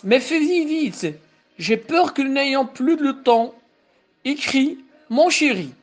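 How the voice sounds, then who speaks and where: A frightened young woman facing death speaks softly and tenderly, read aloud by a woman. The voice sits fairly high and the lines come slowly and carefully. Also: expressive. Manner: slow, careful reading aloud.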